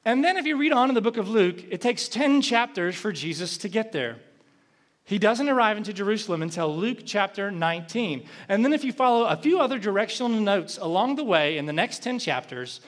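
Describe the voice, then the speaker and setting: A man preaching a sermon as pastor, animated, rising in emphasis and dropping soft. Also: sits high.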